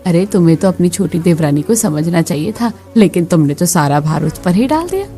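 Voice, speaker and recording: A woman's voice: fairly low pitch, lively intonation, brisk, dark tone, soft background music, natural voice. A woman voicing a preachy, disapproving older aunt-in-law visiting the family in a skit. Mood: lecturing.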